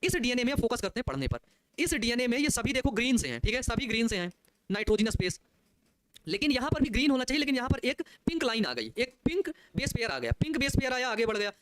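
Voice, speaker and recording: A man's voice: extremely high pitch, very animated, background noise. A man giving an online biology class in a chatty lecture style. He fills his talk with constant "okay" and "isn't it" checks and calls the students dear children. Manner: rapid, repetitive, keeps saying "okay" and "isn't it", addresses students fondly.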